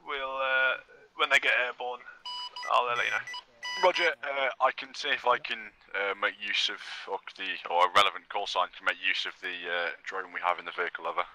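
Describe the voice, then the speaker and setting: Bright, forceful man on military game radio. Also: on the low side, steady tone, brisk, rough recording. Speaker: military role-play radio operator. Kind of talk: radio communication in online military simulation game.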